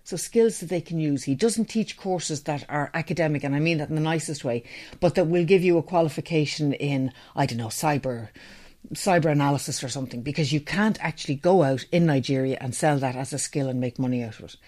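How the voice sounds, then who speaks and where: Her deep, darkish voice runs fairly quick as this middle-aged Irish interview guest chats casually and eagerly about her training company.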